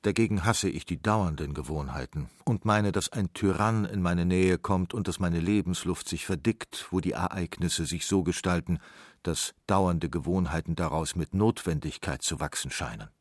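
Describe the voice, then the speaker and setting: A man reading a philosophical text in a calm, reflective manner. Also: deep voice, moderate pace, dry recording, clean studio sound. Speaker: reader.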